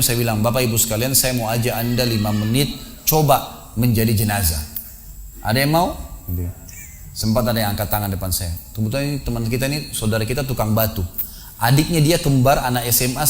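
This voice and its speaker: A middle-aged man with an Indonesian accent preaching a sermon in a mosque, telling a story and swinging from loud urgent warnings to low, quiet narration. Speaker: Islamic preacher. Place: large mosque.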